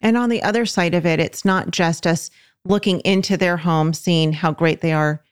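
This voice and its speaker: A woman's voice: on the low side, fairly even intonation, moderate pace, clear, resonant tone, dry recording, studio quality. A woman host, affirming her guest with short replies and then reading the show outro. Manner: affirming, brief responses. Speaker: podcast host. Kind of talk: interview hosting and outro.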